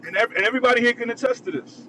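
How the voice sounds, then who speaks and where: A man's voice: extremely high pitch, rapid-fire, bright, forceful tone. Insistent man on a car phone call. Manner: insistent, repeats himself to hold the floor. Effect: phone call from a moving car. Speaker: call-in guest. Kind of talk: heated podcast debate. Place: driving in a car. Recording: phone line with car noise. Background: vehicle noise.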